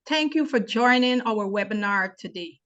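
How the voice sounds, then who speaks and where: A young woman from Guyana, hosting and moderating a webinar on a video call, speaking in a measured, formal way. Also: medium pitch, animated, fairly bright tone. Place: home or office on video call. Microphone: laptop mic on video call. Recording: dull lo-fi video call audio.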